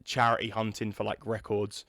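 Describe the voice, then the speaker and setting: A man's voice: on the low side, completely flat delivery, a little fast, vocal fry, fairly bright tone, no room sound, clean studio sound. A young man co-hosting a podcast in casual chat, rambling with fillers and swearing freely. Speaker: podcast co-host. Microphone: video call recording.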